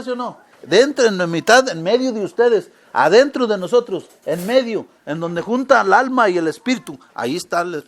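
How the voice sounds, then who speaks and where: Male preacher, high voice, peppers his sermon with rhetorical questions. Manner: asks listeners frequent rhetorical questions.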